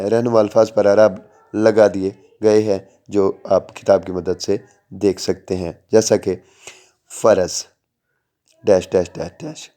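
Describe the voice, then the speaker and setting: A dark-voiced man teaching. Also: on the low side. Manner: reads definitions and lists example words one by one. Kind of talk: recorded lecture reading.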